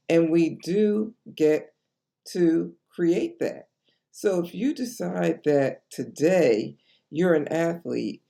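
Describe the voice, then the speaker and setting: A woman's voice: deep voice, vocal fry, dark tone. A woman in her late sixties, a life coach, talking to camera in an earnest, encouraging way. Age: 60s. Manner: earnest, encouraging, slow and deliberate. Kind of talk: direct-to-camera vlog.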